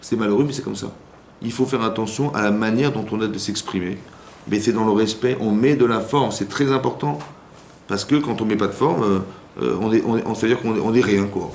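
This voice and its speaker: In an informal class for women at a community hall, a rabbi talks conversationally, repeating himself, restarting often, and acting out what spouses say. His voice is on the low side and fairly quick, with vocal fry and a slightly mellow quality. An echo and faint hum fill the room.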